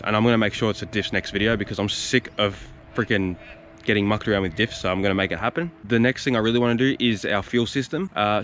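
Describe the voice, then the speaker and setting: A young man talks quickly and warmly to camera, his voice sitting fairly low. He rambles, restarts his sentences and sounds openly moved. A faint hum of outdoor noise sits behind him. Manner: rambling, emotional, many restarts. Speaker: car vlogger. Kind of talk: casual vlog to camera. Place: home driveway, outdoors.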